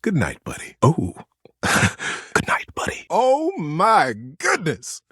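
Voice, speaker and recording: Teddy, a tender, husky storybook teddy bear. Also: male voice, fairly high pitch, wildly swooping pitch, slow pace, sharp tone, no echo, clean studio sound, full character voice. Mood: affectionate, relieved. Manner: tender, earnest, theatrical. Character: affectionate, gentle male teddy bear telling bedtime stories. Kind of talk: expressive storybook narration and tender talk.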